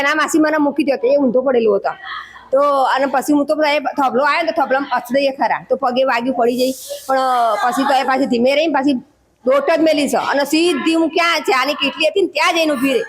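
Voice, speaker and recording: A middle-aged woman with a high voice tells what she lived through as a mess cook, her speech halting, shaken and broken by restarts. She keeps stopping and starting, acting out what people said to her. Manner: shaken, halting, full of restarts and quoted dialogue. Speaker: mess cook, crash witness. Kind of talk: emotional eyewitness account.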